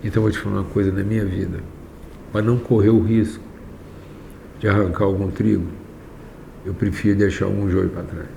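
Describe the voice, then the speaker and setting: A man preaching a sermon as a class lesson, slow and emphatic, rising to raised lines and dropping to hushed ones. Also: on the low side, little pitch movement, gravelly. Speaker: pastor teaching a class. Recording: echoey room, faint background noise.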